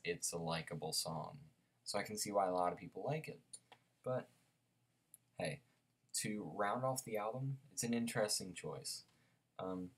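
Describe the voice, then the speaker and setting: A young man with a very low voice rambles through a casual album review. He talks loosely, full of "like" and "um", and restarts his sentences. He sounds a little sleepy. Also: slightly rough. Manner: rambling, many fillers and restarts. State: sleepy, yawning.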